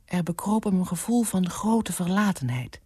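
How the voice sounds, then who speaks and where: A woman reading a story aloud for radio in a calm, measured narration, close to a studio mic. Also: fairly low pitch, husky, no room sound. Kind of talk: scripted narration.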